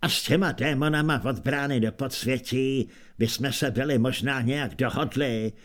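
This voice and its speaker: A man voicing an aged barbarian chieftain who talks in a low, dry, matter-of-fact grumble. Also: a bit bright, lightly acted.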